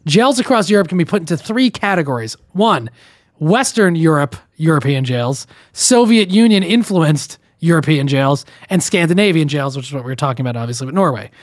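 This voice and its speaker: Reading listener emails on a laid-back podcast he co-hosts, this young man keeps interrupting with his own comments and often starts his sentences over. He speaks fairly quickly in a slightly high, expressive voice, with studio-quality sound and no echo.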